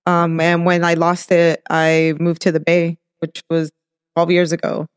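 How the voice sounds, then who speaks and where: A soft-spoken man, born in Mexico and raised in California, speaks as a guest in a relaxed interview. He pauses and hedges as he reflects. His voice is smooth and clear, recorded close and dry, with no room sound. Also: a little high, no echo. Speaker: guest, restaurant entrepreneur. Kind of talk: casual interview conversation.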